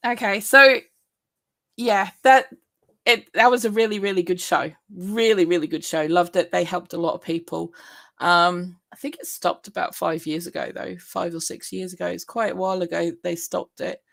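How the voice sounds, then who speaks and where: A woman's voice: on the low side, fairly even intonation, moderate pace, creaky, fairly bright tone. A woman hosting a casual live stream, chatting in a rambling way, laughing often and answering viewer comments.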